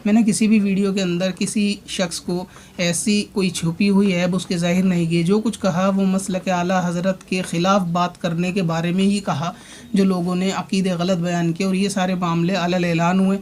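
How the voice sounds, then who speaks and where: A man with a high-set voice that stays level and barely rises or falls. He talks through a long rebuttal as a religious commentator, speaking straight at his opponent. He keeps circling back to the same points. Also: a little mellow, slight background noise. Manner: argumentative, addresses his opponent directly; explains at length with repeated points. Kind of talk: spoken rebuttal monologue.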